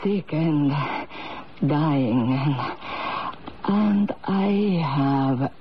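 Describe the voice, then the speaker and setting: An actress playing a very old Italian fortune teller in a radio drama, speaking with an Italian accent in a halting, solemn, mystical way. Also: female voice, low-pitched. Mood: pleading, solemn. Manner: halting, slow, solemn and beckoning mystical delivery. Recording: dull lo-fi radio recording with hiss.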